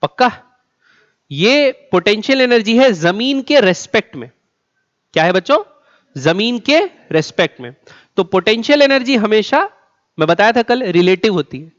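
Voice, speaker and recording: A high-pitched man teaching physics, throwing questions at the class and answering them himself. He slows right down on key words and repeats them for emphasis. The sound is dull and lo-fi. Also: very animated, a bit bright. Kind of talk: classroom lecture.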